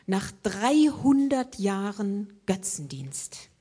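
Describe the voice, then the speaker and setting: Preaching woman with a breathy voice. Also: medium pitch, sing-song, takes it slowly. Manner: dramatic shifts between emphatic lines and hushed whispers; addresses congregation directly, rhetorical questions. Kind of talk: sermon.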